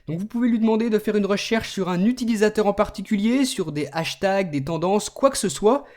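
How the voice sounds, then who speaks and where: A man hosting a tech video, explaining a phone's features in a relaxed way and speaking commands to it. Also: high voice, a little fast. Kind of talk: screen demo tutorial.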